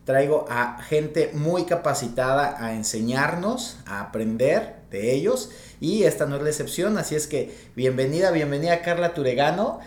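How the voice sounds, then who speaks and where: A podcast host welcoming and introducing a guest in relaxed, slangy Spanish. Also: medium pitch, moderate pace, roomy sound. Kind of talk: casual interview chat.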